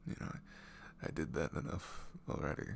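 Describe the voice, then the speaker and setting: In an intimate ASMR roleplay, a young man voices an awkward, apologetic ex-boyfriend of college age, speaking softly, often near a whisper. He sounds nervous and hesitant, halting and trailing off in a natural voice over slight background noise.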